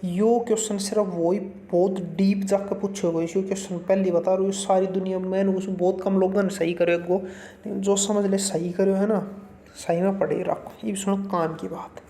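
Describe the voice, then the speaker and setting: A man runs a casual exam-prep lesson, chatting folksily and slipping English terms into his explanations. His voice is mellow and warm. The recording has a roomy echo. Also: high voice, level tone, normal speed. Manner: folksy, chatty, calls the viewer brother; mixes Hindi with English terms.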